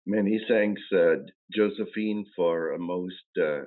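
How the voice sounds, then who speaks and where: A man's voice: low-pitched, unhurried. A man speaking at a graduation ceremony, thanking the valedictorian with a hesitant, formal manner. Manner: hesitant, with fillers. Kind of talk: formal speech with pauses. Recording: phone-like audio.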